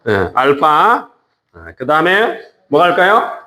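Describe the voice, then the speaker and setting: Slow, lively-voiced male teacher. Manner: slow, lively pitch, drawn-out repetitions. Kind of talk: classroom lesson.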